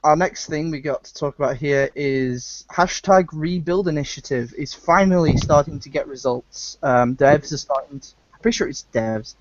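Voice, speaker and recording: A man's voice: fairly high pitch, normal speed, hardly any pauses, lo-fi sound. A man hosting a podcast in loose, casual chat, swearing freely now and then. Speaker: podcast host.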